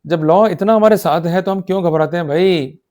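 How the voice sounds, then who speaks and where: A high-sitting, darkish voice moves a little fast as this law lecturer explains his subject in Hindi laced with English legal vocabulary. He speaks emphatically and exhortatively, regularly checking that the audience is with him.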